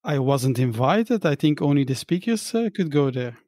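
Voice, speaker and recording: A man's voice: fairly high pitch, big pitch swings, moderate pace, warm tone, dry recording, clean studio sound. A man who speaks English as a second language, a podcast guest answering plainly and matter-of-factly. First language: not English. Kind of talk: casual chat.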